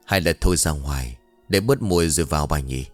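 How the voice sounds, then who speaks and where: A man's voice: very deep voice, a little fast, no echo, faint music behind, voice pushed down. A man voicing a flustered, polite man in his fifties who talks hesitantly and deferentially.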